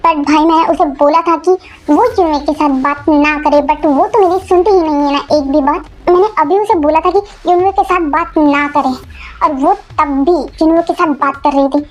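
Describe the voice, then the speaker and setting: A woman's voice: high voice, moderate pace, natural voice. A woman voicing a stern, protective elder brother who reprimands his younger brother, in a voiced fan-fiction audio story.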